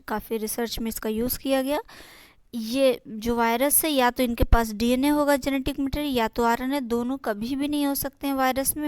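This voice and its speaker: A woman teacher with an Indian accent, going through exam notes, reading English lines slowly and explaining them in Hindi, often asking and answering her own questions. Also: a little high, clear, resonant tone, dry recording. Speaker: biology teacher. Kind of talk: exam-prep lesson.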